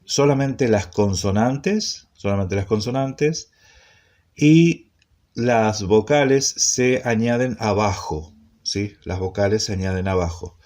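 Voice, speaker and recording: A man teaching an introductory Hebrew class, speaking slowly and repeating points, often checking in with a questioning "¿sí?". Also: lowish voice, darkish tone. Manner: slow, repetitive, checks in with frequent "¿sí?". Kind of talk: classroom lecture.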